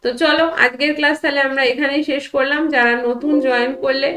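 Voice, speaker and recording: A woman with a Bengali accent teaching an online exam-prep lesson. She reads English questions slowly, then explains them quickly in Bengali mixed with English. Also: sits high, steady tone, fairly bright tone, roomy sound, faint music behind, low-quality recording.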